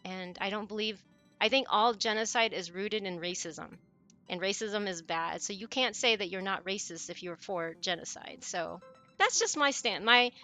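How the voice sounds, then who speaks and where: A woman's voice: mid-range voice, bright, forceful tone. A woman live streamer talking casually to her chat in a rambling, conversational way. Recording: music playing behind the voice. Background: background music.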